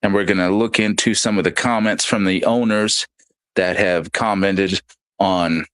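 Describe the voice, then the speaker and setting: A man with a lowish voice hosts a casual podcast, talking loosely with plenty of fillers and restarts. The sound is dry and close, with no room around it. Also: steady tone, measured pace, a bit bright, dry recording. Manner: rambling, reads listener comments aloud. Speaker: podcast host. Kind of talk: casual chat.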